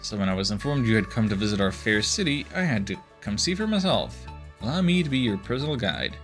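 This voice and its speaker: Brief: a man playing a courtly game-world mayor, silky and low, faint game music behind. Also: very animated, fast, fairly bright tone. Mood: charming. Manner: genteel, courtly and theatrical. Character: smooth, flattering male city mayor.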